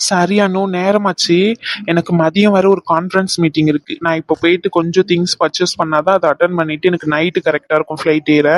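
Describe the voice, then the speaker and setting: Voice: medium pitch, level tone, fast, no echo, lightly acted. A performer voicing an affectionate, teasing fiancé in a cartoon. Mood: brisk. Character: affectionate male fiancé on phone. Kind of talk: cartoon voice acting.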